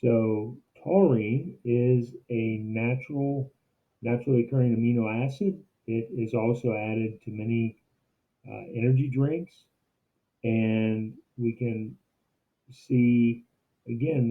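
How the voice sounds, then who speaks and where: A man giving an instructional screencast demo like a teacher, explaining things step by step. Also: medium pitch. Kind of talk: instructional screencast narration, semi-scripted. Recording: muffled, narrow phone-like sound.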